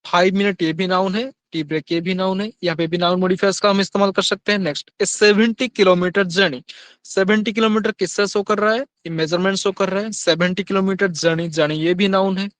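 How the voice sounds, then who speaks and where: A man teaching grammar in Hindi, reading examples slowly and then asking his students quick questions. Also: high-pitched, fairly even intonation, fairly bright tone, no echo. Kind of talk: Hindi-English grammar lesson.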